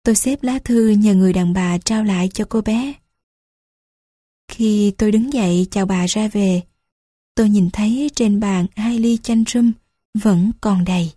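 A woman reading a first-person story aloud at a slow, unhurried pace. Her voice is mellow and breathy, recorded dry and close. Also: mid-range voice, no room sound. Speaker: audiobook narrator.

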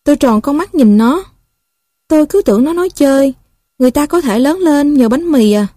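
A woman with a Southern Vietnamese accent reads a story aloud gently and evenly, at a slightly fast pace. Her voice is a bit high, mellow and warm. The recording is close and dry.

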